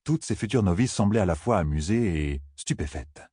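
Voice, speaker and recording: A man narrating a fantasy novel as an audiobook, in a measured, even storytelling manner. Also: low voice, slightly rough, no room sound, studio quality.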